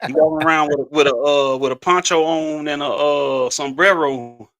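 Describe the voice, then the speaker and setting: A middle-aged man co-hosts a podcast in easygoing, rambling conversation. His voice sits a little high and sounds bright and sharp. He often stumbles and restarts his sentences. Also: steady tone, moderate pace. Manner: laid-back, rambling with repeated restarts and laughter. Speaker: podcast co-host. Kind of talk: casual chat.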